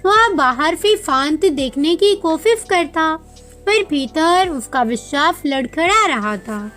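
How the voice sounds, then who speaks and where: A woman narrating a devotional story in a solemn, measured way, with faint music behind her. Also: high-pitched, fairly bright tone. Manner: slow, solemn, measured delivery. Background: faint background music.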